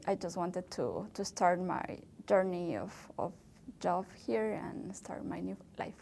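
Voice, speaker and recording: Young woman from ecuador, spanish is her first language, slow careful english, creaky voice, faint rumble behind. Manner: hesitant, searching for words, many fillers. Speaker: interviewee, English learner. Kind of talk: oral history interview.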